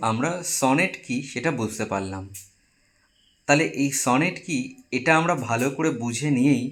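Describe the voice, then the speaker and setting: A man teaching a class as a Bengali speaker, explaining step by step and slowing down to spell out English terms. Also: medium pitch. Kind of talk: classroom lecture.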